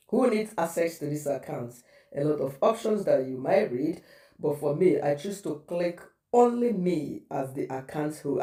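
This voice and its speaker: A man's voice: fairly high pitch, dark tone. A man giving a patient step-by-step how-to guide, repeating each step as he walks viewers through it. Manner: patient instructional, repeating steps. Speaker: tutorial host. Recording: echoey room, distant mic.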